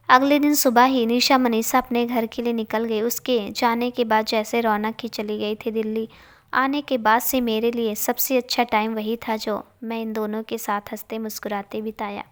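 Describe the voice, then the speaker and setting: A young woman narrating a romantic story in the first person, gently and softly. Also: on the high side.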